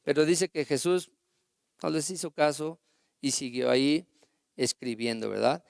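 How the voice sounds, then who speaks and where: A man preaching a sermon, his voice a little higher than most and smooth and resonant. He retells stories with acted-out quotes and puts rhetorical questions to his listeners. The sound is close and dry, with little room echo. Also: fairly even intonation, unhurried.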